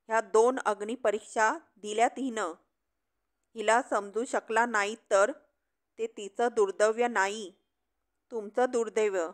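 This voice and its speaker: A woman reading the part of an elderly male schoolteacher who speaks solemnly and earnestly. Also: a little high. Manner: solemn, pleading speech. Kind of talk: storybook reading.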